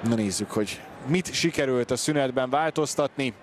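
A man giving excited live football commentary, bursting into shouts of players' names. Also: medium pitch. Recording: loud stadium noise behind the voice. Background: stadium crowd ambience.

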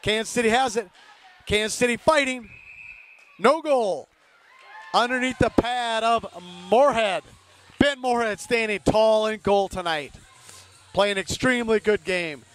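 A man's voice: high voice, unhurried, long pauses, fairly bright tone. A man giving amateur play-by-play hockey commentary from rink stands in clipped phrases, openly rooting for the home team. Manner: clipped phrases naming players. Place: indoor ice rink, from the stands.

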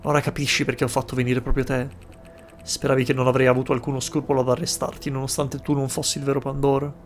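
A man reading aloud a manipulative male villain's game dialogue in a hushed, insinuating voice, with faint game music behind. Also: medium pitch, little pitch movement, fast talker, close to an everyday voice. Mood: scheming. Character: scheming manipulative male villain, smooth-talking.

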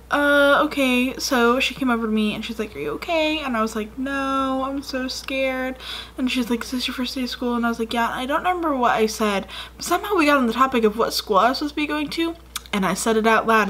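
A woman's voice: high voice, fairly bright tone. Chatty young woman, rambling vlog. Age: 20s. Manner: chatty and rambling, many fillers. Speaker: YouTuber. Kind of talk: casual storytelling vlog. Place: dim room indoors.

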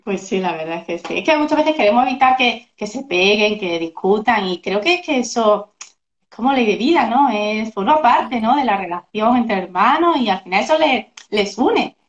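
A woman speaks as a guest in a relaxed interview, thoughtful and agreeable. Her voice is a little high and comes through echoey and muffled, like a video call. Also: normal speed. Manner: agreeable, reflective, frequent tag questions. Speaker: guest, family coach. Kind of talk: casual chat interview.

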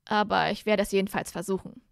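A worried young wizard, voiced by a woman reading aloud, hesitant and a little lower than her own voice. The sound is dry and close, like a home audiobook. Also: steady tone, quick pace, creaky, clean tone, no echo, lightly acted. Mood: stammering. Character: worried young male wizard, best friend.

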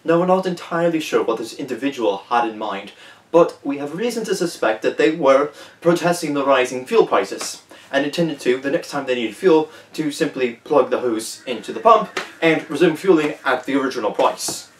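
A man hosting a parody news show in a deadpan, dry, sarcastic manner, recorded in an echoey room away from the mic. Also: medium pitch, normal speed. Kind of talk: mock news anchoring. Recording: echoey room, mic at a distance, faint music.

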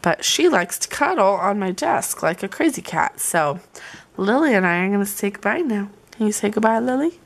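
A woman's voice: mid-range voice, sing-song, normal speed. A young woman gushing over her planner supplies in a casual vlog. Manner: chatty, gushing, says "y'all". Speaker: planner vlogger. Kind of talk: casual show-and-tell vlog.

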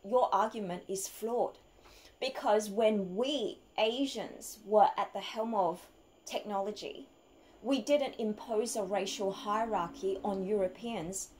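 Woman, argumentative vlog rebuttal, emphatic, rhetorical questions, mid pitch. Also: takes it slowly, darkish tone, a little hiss or hum, poor audio. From Australia. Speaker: vlogger. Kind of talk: opinion monologue, rebuttal.

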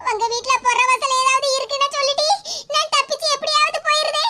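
A fretful young cartoon friend panics in a Kanyakumari Tamil accent. Her voice is very high and bright and keeps a worried edge. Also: steady tone, fairly quick, heavily acted. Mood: panicky.

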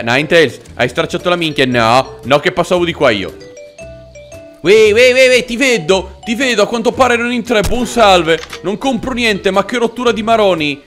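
A man hosting a let's play, giving excitable gameplay commentary, swearing a lot and chatting with the creatures on screen. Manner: jumps into squeaky cooing over cute creatures. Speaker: gaming channel host.

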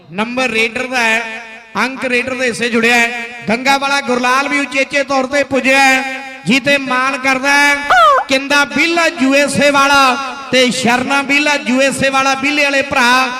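A man's voice: very high-pitched, little pitch movement, moderate pace, crowd noise. A man with a Punjabi accent giving frantic rural sports commentary and announcements, urgent, declamatory and repetitive. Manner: urgent, declamatory, repeating words. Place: outdoor village kabaddi tournament.

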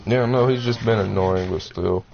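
A man's voice: fairly low pitch, moderate pace, gravelly, a crowd in the background. A man streaming a video game, bantering and teasing his friends in casual chat. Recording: muffled lo-fi mic with faint hiss.

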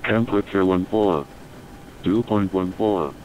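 A man reading an automated airport weather broadcast over the radio in a flat, measured readout of codes and numbers. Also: low voice, muffled recording, over a noisy crowd. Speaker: automated airport information announcer.

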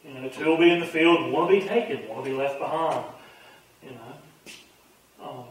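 A male pastor teaching a Bible class in a quick, conversational way, often restarting his sentences. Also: medium pitch. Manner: fast-talking, conversational, repeats his starts. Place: church sanctuary. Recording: very echoey room, voice from far off.

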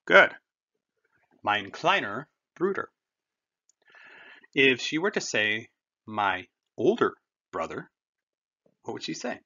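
A man walks learners through a German lesson in a patient, conversational way. His pitch rises and falls animatedly, and the recording sounds dull and lo-fi. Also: very animated, slow, pauses often, pushed and bright. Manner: patient, conversational, explains with everyday comparisons. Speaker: German teacher. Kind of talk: classroom language lesson.

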